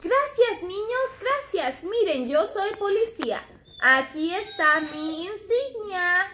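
A woman's voice: very high-pitched, sing-song, slow, bright, forceful tone, a little hiss or hum, pitched above the performer's own voice, full character voice. A woman voicing a proud, cheerful male police officer puppet for children.

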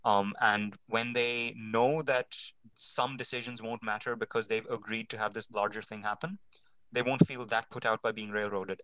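A man's voice: fairly low pitch, fairly bright tone, dry recording, poor audio. A man speaking on an online panel, explaining step by step with frequent ums. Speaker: panel speaker on game mastering. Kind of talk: casual explanatory panel talk.

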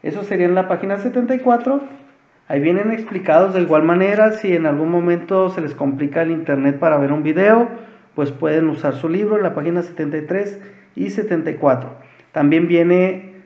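Mexican teacher, high male voice, patient step-by-step explainer, roomy and slightly muffled recording. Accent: Mexican Spanish. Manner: patient, explanatory, asks rhetorical questions. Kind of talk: screen-recorded spreadsheet tutorial.

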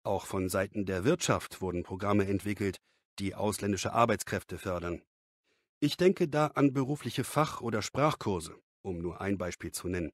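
A man reading the part of an expert being interviewed in a scripted lesson dialogue, measured and explanatory. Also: mid-range voice, no echo, studio quality.

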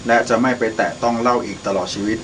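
A young man voices a drunken, brash father who turns into a gentle, repentant monk for a student radio drama. His medium-pitched, natural voice is fast with fairly even intonation, the mood calm and remorseful, and background noise is audible.

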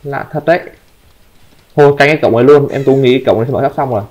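A Vietnamese-accented man commenting on his own gameplay, taunting opponents and breaking into excited shouts. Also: mid-range voice, fast, a little hiss or hum. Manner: trash-talking, taunting, sudden excited shouts. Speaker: gameplay streamer.

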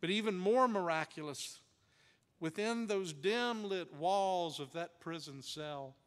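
Guy preaching a story sermon, kinda high voice, long church echo, drops to a hush sometimes. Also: slow, clear, resonant tone. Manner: dramatic, varied pacing with hushed drops. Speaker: pastor. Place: church sanctuary.

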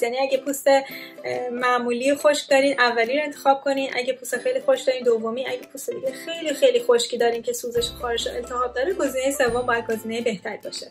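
A woman's voice: high-pitched, a bit bright. A young woman giving a casual, explanatory skincare product review with frequent filler sounds. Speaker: skincare content creator.

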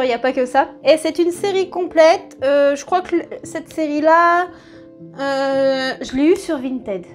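A woman in her thirties with a high voice chats about her new books in a home vlog, pausing often and hesitating mid-sentence. Soft music plays quietly behind her voice, recorded at home by a camera in front of her. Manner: chatty, with frequent hesitations. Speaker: book vlogger. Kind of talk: casual manga haul vlog. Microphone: camera in front at mid-shot.

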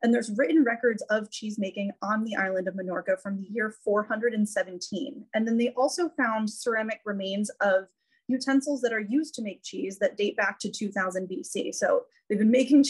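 Over a video call microphone, a woman with a husky, medium-pitched voice presents an informal, educational slide webinar as a cheese educator. The recording quality is low.

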